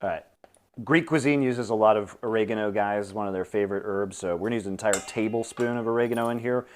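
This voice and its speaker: A man's voice: fairly low pitch, fast talker. A man hosting a casual cooking stream, explaining each step aloud with dry, teasing humor. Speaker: cooking show host.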